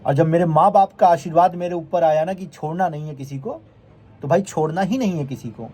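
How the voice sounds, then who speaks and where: A man's voice: on the high side, a little fast, warm tone, husky. A vlogger who is a man, delivering a heated, confrontational rant straight to his viewers and repeatedly scolding his critics.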